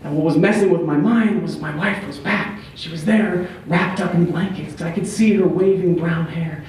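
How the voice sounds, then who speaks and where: A man telling a ghost story on stage, shifting between urgent and hushed tones. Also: on the high side, moderate pace, slight background noise. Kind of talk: live storytelling performance. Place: performance venue. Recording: echoey hall, distant mic.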